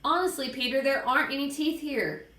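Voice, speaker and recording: A woman's voice: high voice, fairly quick, sharp tone, roomy sound, far from the mic, pitched above the performer's own voice. A woman voicing a whiny, defensive young girl, tearful and pleading, in a storybook. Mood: whiny, upset.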